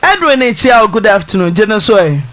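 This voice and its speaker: High-voiced Ghanaian radio host. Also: male voice, very animated, fairly quick, a bit bright. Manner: setting out the story steadily for listeners. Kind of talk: radio talk show.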